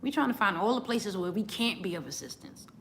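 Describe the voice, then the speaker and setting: A woman's voice: mid-range voice, animated, brisk, fairly bright tone, slight background noise. A woman, a singer, giving an earnest motivational talk, often repeating words as she starts a thought.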